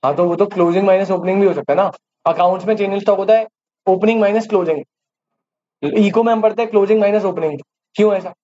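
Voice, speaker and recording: With a high, warm voice and a quick pace, a man teaches commerce to a live class. He keeps asking the students questions and repeats the key terms back to them. The audio is dull and lo-fi, with a faint hiss.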